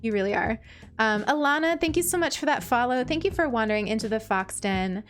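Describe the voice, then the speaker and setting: Sweet, high-voiced woman livestreamer, gushing. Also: lively intonation, a little fast, soft background music. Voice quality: sweet, princess-like voice. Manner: gushing, affectionate. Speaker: game livestreamer. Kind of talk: casual livestream chat, thanking viewers.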